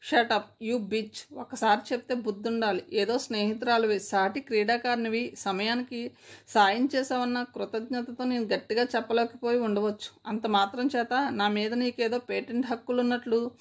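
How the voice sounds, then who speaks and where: Lady doing an enraged young guy, harsh and cutting, higher voice. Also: steady tone, normal speed, close to an everyday voice. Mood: furious. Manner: shouting insults, harsh. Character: furious young male athlete, harsh.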